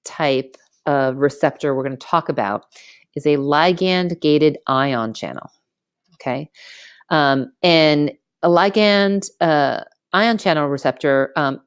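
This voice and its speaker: A woman giving an informal screen-recorded lecture as a teacher, explaining step by step in casual, colloquial language and often checking in with a quick okay. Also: sits low, no room sound, clean studio sound. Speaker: biology teacher. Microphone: close mic on a screen recording.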